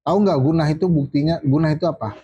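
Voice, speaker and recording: A man teaching a casual study circle, drawling out recitation examples slowly and often checking that his students understand. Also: on the high side, dark tone, husky, lo-fi sound. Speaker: religious teacher.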